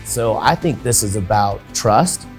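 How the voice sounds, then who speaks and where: Low-voiced man in an interview. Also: animated, measured pace, faint music behind. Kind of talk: interview talk.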